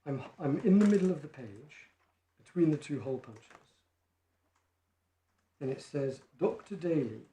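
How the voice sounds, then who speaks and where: A barrister making a measured legal argument in court, reading quoted passages from judgments. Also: male voice, fairly high pitch, very animated, mellow. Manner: measured, reads quotations from case law. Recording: echoey courtroom, faint noise.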